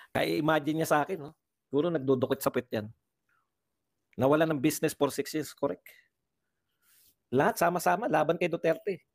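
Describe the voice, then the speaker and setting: A man's voice: on the high side, no echo, clean studio sound. A man doing livestream political commentary, talking in an impassioned way and firing off rhetorical questions. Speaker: political vlogger.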